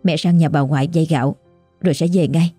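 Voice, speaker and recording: A hard-working poor young mother, voiced by a woman storyteller, caring and instructive in her speech. Her voice is low and mellow, recorded dry and close. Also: steady tone, a little fast, dry recording, soft background music.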